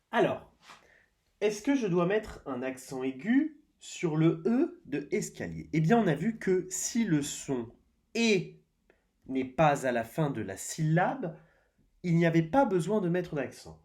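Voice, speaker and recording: Male primary teacher, unhurried, deliberate, sounds out each syllable for kids. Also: fairly high pitch, very animated, darkish tone. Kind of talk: spelling lesson for young children.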